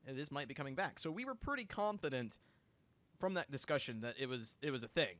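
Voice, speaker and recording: A young livestream co-host with a medium-pitched voice talks fast, eagerly telling stories and restarting his sentences often. The chat is casual, and there's no room sound.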